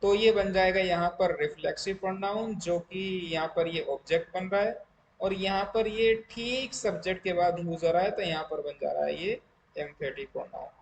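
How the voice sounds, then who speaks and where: A male English teacher, running an online class and slowly explaining grammar with examples. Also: sits high, creaky. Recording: echoey room with faint noise.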